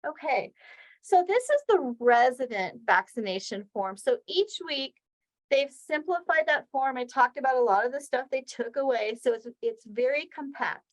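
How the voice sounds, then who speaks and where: A woman with a high, expressive voice presents a weekly healthcare training webinar at a moderate pace. She walks through her slides step by step, conversationally, with examples. The audio quality is poor.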